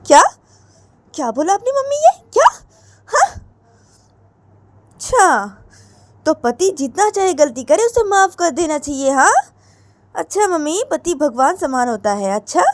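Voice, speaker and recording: A woman voicing an angry, defiant young wife who fires back indignant questions in a shrill voice. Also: lively intonation, normal speed, pauses often, a little mellow, dry recording. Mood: scornful. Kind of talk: amateur storytelling with acted voices.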